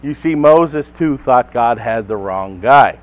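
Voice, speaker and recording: A man's voice: medium pitch, animated, slow pace, dull audio. A man preaching a sermon as the church's pastor, telling a Bible story and putting questions to the congregation. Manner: storytelling, acts out quotes, asks the listeners questions.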